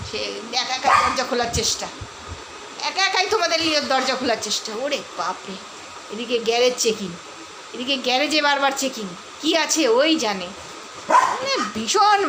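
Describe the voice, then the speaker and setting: A woman's voice: high-pitched, very noisy. A woman vlogging about her dog, talking to him in cooing baby talk and chatting to her viewers.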